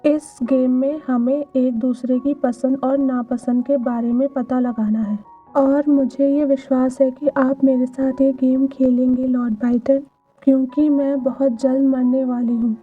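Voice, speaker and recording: A woman's voice: high-pitched, little pitch movement, measured pace, husky, narrow, tinny audio, soft background music. A woman voicing a small, outspoken princess girl in a storybook retelling. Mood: earnest.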